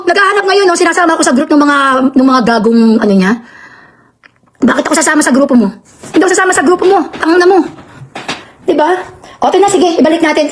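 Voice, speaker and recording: A woman from Canada holds forth in a heated live-stream rant, her voice pitched high above most women's. She races through her grievances at a fast clip, throwing in rhetorical questions again and again. She speaks into a phone or laptop at home. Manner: indignant, rapid-fire, peppered with rhetorical questions. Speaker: live-stream host and promoter. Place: home with barking dogs nearby.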